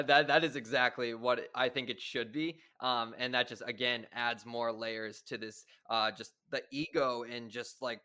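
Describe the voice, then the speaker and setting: A man's voice: medium pitch, pushed and bright. A man hosting a podcast, talking through details in an enthusiastic, analytical way in casual chat. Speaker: podcast host.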